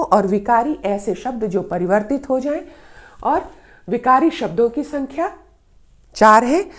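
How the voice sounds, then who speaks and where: A woman teaching Hindi grammar in a patient lesson, repeating her example sentences and stressing the key words. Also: medium pitch. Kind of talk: explanatory lesson.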